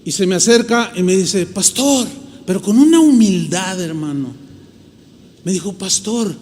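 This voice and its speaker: Male Mexican pastor, high voice, animated sermon storyteller, long church-hall reverb. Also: moderate pace. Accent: Mexican Spanish.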